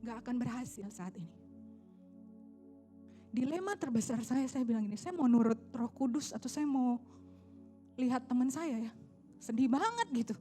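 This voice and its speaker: Emotional woman preaching over soft music. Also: high voice, animated, normal speed. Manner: emotional storytelling, quotes friend and God in changed tones. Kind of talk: sermon. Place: church stage.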